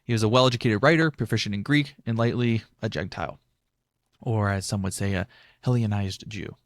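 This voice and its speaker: A man's voice: lowish voice, a little fast, dry recording. Chatty young man, dry close sound. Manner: rambling, chatty, self-deprecating. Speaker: podcast host. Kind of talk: casual Bible-study podcast talk.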